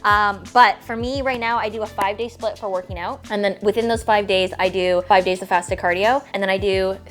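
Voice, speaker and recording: A 29-year-old fitness creator talks casually and at length in a casual vlog Q&A and unboxing, with soft music in the background. Her medium-pitched voice has fairly even intonation and a fairly quick pace. She's chatty and rambling, full of "like" and "okay?", and gushes with squealy delight over cute little toys.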